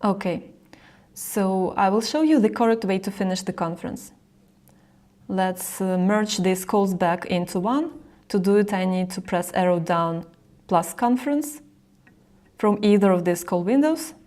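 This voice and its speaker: A woman narrates a screen recording for a software tutorial, walking the viewer through each step directly. Her voice is medium-pitched and her pace a little slow.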